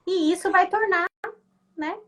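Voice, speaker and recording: A woman's voice: extremely high pitch, measured pace. A woman with a Brazilian Portuguese accent, a guest educator teaching conversationally, who often adds tag questions and acts out the voices she quotes. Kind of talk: conversational teaching in an online class.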